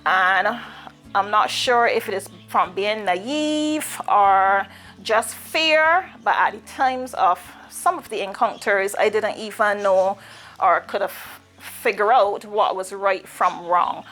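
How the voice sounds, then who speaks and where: A Barbadian woman telling her personal life story in a reflective, unhurried way, pausing often and using fillers. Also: medium pitch, a bit bright, soft background music. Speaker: guest.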